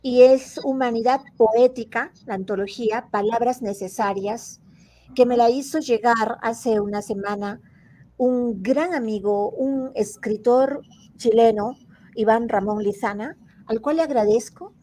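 A woman from Peru speaks as a guest poet in a casual interview. Her voice is high, and she often doubles her words as she goes. She sounds eager as she talks. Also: a little slow, mellow, low-quality recording.

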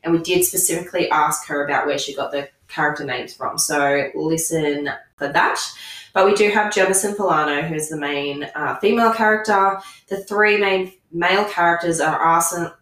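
A woman co-hosting a podcast in casual book review chat, her voice croaky with creaky starts. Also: deep voice, normal speed, fairly bright tone, recorded from a distance. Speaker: podcast co-host. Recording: echoey room, off the mic.

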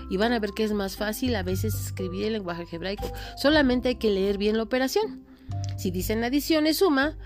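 A woman with a Mexican accent speaking as a teacher, explaining informally in a chatty, playful way. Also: mid-range voice. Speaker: math teacher. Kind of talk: informal lesson with playful role-play.

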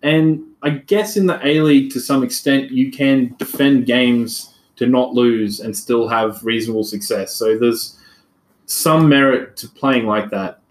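A man's voice: mid-range voice, unhurried. A man co-hosting a podcast, talking through football tactics in long, thoughtful explanations. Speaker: podcast co-host. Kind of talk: casual chat, football analysis. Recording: echoey room.

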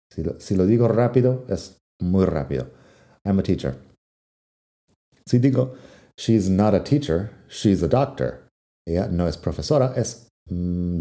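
A man giving a language lesson, slowly repeating English example sentences and explaining them. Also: low voice, mellow. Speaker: English teacher.

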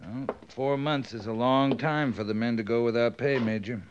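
On a muffled old 1950s radio western, a man plays a laconic, dutiful American cavalry captain who stands up for his men, sounding terse, understated, dry, and dryly concerned. His mid-range voice is close to everyday speech, with fairly even intonation, a moderate pace, and slight background noise.

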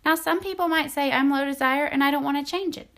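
Speaking quickly in a high, fairly bright voice, this middle-aged intimacy coach hosts her own solo podcast, partly scripted. She sounds soothing, friendly, and chatty, laughing lightly as she goes.

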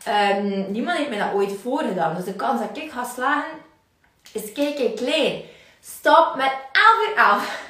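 Energetic Flemish woman, high voice, echoey room. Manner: energetic, acts out inner voices, laughs often. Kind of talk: livestream motivational talk. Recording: very echoey room, mic at a distance.

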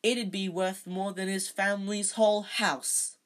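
A woman's voice: medium pitch, steady tone, voice pushed up, lightly acted. A woman voicing a spiteful schoolboy bully, mocking and scathing, in a storybook reading. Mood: sneering. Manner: loud, drawn-out, mocking.

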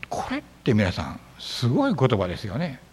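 A man's voice: mid-range voice, brisk, breathy edge, big-room sound. A man, preaching as pastor, telling stories and acting out the disciples' lines. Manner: animated storytelling, acting out biblical dialogue. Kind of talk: sermon. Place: church sanctuary.

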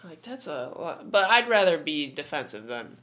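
Woman, low pitch, stuffy nose from a head cold, casual podcast co-host, conversational. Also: sing-song, normal speed, fairly bright tone. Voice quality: stuffy-nosed, congested. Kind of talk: casual chat.

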